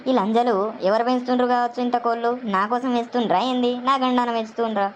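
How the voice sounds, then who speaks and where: A woman with a Telangana Telugu accent playing a quarrelsome village woman who curses loudly at stray hens. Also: fairly high pitch, steady tone, rapid-fire, dull audio, slight background noise, lightly acted. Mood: ranting. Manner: loud cursing rant.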